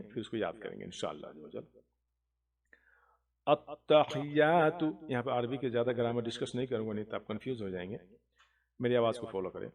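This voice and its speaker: A man teaching recitation. He draws out the Arabic words slowly between quick explanations. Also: medium pitch, darkish tone. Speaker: religious teacher. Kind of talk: recitation lesson. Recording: distant, muffled recording.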